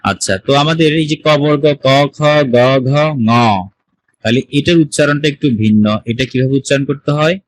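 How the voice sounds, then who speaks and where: A man's voice: on the high side, brisk, no echo, rough recording. A man teaching an online language class, explaining patiently step by step and putting questions to his students over a video call. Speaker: Sanskrit teacher. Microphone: computer mic on a video call.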